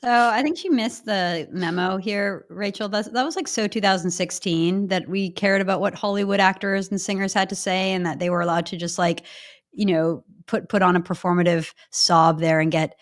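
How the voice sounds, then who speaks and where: A woman hosting a political commentary show, brisk and opinionated, with frequent ums. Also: mid-range voice, steady tone. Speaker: show host.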